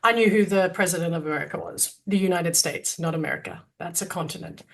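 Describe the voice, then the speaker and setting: A woman's voice: lowish voice, fast talker, creaky. Outspoken Australian woman podcaster. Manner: candid and outspoken, swears freely. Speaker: podcast co-host. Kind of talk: casual political conversation.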